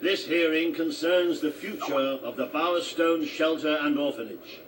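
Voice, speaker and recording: An actor playing a courteous, formal royal adviser in a video game, speaking in a measured theatrical way. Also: male voice, a little high, lightly acted. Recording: distant game audio, background noise.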